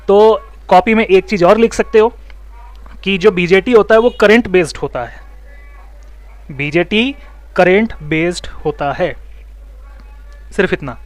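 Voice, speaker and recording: A man teaching mobile phone repair, explaining circuits step by step, asking students questions and telling them to take notes, and talking fast. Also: high-pitched. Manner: talks fast, says so himself. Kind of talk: online electronics lesson.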